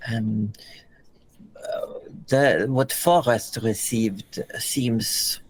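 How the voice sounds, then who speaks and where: A man running a tabletop game as game master, voicing characters in a measured, deliberate way. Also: medium pitch, a little hiss or hum, low-quality recording.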